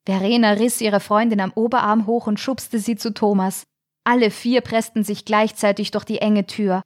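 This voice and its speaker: Female audiobook narrator, mid-pitched, suspenseful and measured, dry close recording. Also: no echo.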